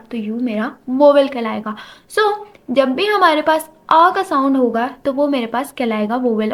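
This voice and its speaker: A woman teaching a grammar lecture, explaining step by step and mixing English terms into her talk. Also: high-pitched. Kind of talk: classroom lecture.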